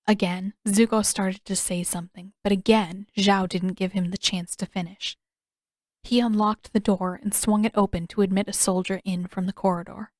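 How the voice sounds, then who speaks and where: A woman reading her own fan fiction aloud in a measured, expressive storytelling manner. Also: mid-range voice, no echo, clean studio sound. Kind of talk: fan audiobook narration.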